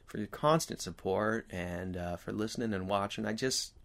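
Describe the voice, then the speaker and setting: Low creaky-voiced man, earnest and rambling. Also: a bit bright. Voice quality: slight whistle on sibilants. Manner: earnest, reflective, halting phrasing. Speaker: video host. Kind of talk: casual rambling chat to viewers.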